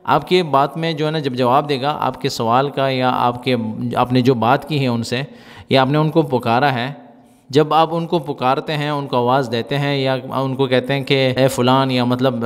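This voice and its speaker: Man drilling Arabic words, reverberant room. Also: mid-range voice. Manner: repeats words slowly for drill. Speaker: Arabic teacher. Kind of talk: explaining Gulf Arabic words in Urdu.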